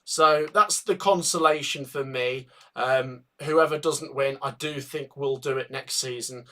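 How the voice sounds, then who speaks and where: A man's voice: medium pitch, measured pace. A man, hosting a casual football watch-along stream, chatting and reading viewer comments aloud. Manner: chatty, reads viewer comments aloud, thanks donors warmly. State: out of breath. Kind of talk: casual live-stream chat.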